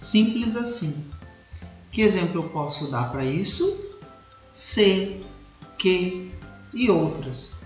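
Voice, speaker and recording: A Brazilian man with a fairly high voice gives a school lesson, going slowly and repeating each point so it sticks. The recording sounds roomy and a little dull, with faint music underneath. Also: animated. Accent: Brazilian Portuguese. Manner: slow, explanatory, repeats key points. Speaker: teacher.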